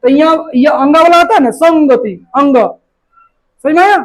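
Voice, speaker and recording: A woman's voice: sits high, measured pace, low-quality recording. A woman teaches a classroom grammar lesson. She says each example over and over and keeps asking her students whether they follow. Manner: repeats each word, keeps quizzing students.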